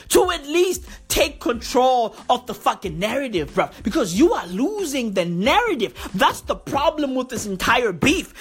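A woman's voice: a little high, a bit bright, breathy edge. A woman giving casual, ranting commentary in frat bro slang, swearing often and repeating herself emphatically with rhetorical questions. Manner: frat bro talk full of slang like bro, broski, bruv and swearing. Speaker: vlogger giving hip-hop commentary.

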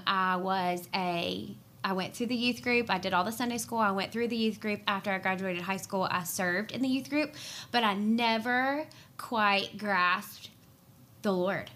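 A young adult woman, a worship leader and pastor's wife, earnestly and emotionally recounting her faith journey in conversation, pausing often with "um". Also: medium pitch, fairly bright tone. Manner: earnest and emotional, with frequent "um" pauses. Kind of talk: personal storytelling in conversation.

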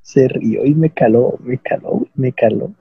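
A man's voice: mid-range voice, moderate pace, gravelly, slightly rough, no echo, phone-quality sound. A young man with a Mexican accent telling a rambling, slangy, self-mocking story to friends on a call.

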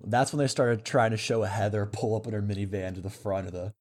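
A man with a fairly low voice chatting casually among friends. He talks in a relaxed way, walking through events one after another. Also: a little fast. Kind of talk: casual chat.

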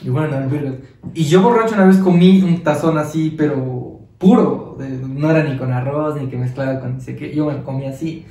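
Dude on a podcast, kinda high voice, rambles through stories, echoey room. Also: male voice, a little fast, warm tone. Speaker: podcast co-host. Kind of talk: casual comedic chat.

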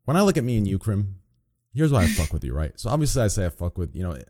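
A young man with a fairly low voice is streaming live. He banters like a hyped gamer bro, loose and slangy, swearing freely. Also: big pitch swings, fast talker, dark tone. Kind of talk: casual livestream banter.

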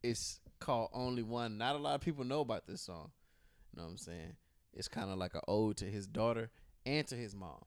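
A man hosting a podcast, chatting casually and profanely while giving shout-outs close to the mic. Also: lowish voice, clear, resonant tone, no room sound. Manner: profane, laid-back, drawn-out shout-outs. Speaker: podcast host.

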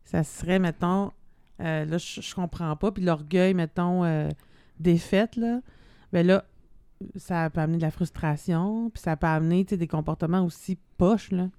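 A woman's voice: lowish voice, normal speed, mellow, clear, resonant tone, no echo, clean studio sound. A middle-aged woman with a Québécois accent, chatting casually with fillers and repeated words. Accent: Québécois French. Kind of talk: casual chat.

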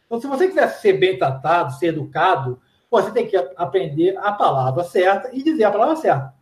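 A man with a Brazilian Portuguese accent and a fairly high voice chats casually in an interview. He talks in slang and drifts into anecdotes with quick asides. The room around him is echoey. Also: sing-song. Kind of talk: casual chat.

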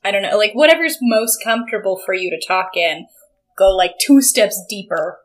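Woman, vocal fry, husky, lively intonation, casual podcast banter. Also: normal speed, low-quality recording. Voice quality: vocal fry, a speaking pitch trained lower than natural. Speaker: podcast co-host. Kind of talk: casual group chat with bantering friends.

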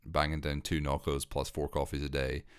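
A man hosting a casual chat, asking questions and explaining things in a relaxed way. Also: a bass voice, moderate pace, clean tone, no echo, studio quality.

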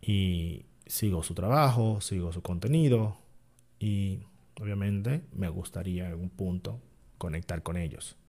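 A man's voice: low-pitched, unhurried, gravelly, a little mellow. A man, an online seller talking to his channel in a casual, rambling way that often stops to correct himself. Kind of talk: casual vlog monologue.

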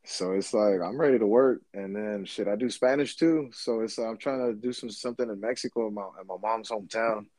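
Laid-back man, low voice. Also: brisk, few pauses, darkish tone, dry recording. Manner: laid-back, swears casually, trails off with fillers. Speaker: comedian guest. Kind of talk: casual podcast chat.

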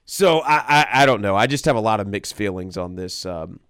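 A man's voice: on the low side, animated, brisk, a bit bright, smooth, dry recording. American man hosting dry, close radio sports talk. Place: radio studio.

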